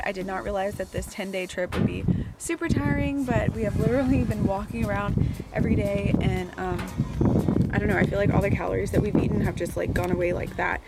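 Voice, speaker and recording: Chatty young woman vlogging from a car. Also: medium pitch. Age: young adult. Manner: chatty and rambling, with fillers and self-corrections. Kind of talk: casual vlog talk to camera. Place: inside a car, window open. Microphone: camera held at arm's length.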